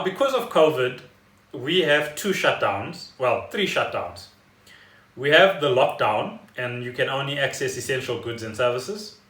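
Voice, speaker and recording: Co-hosting a relaxed podcast, a South African man wryly explains news in conversation. His medium-pitched voice is slightly bright, and the home recording sounds roomy and echoey.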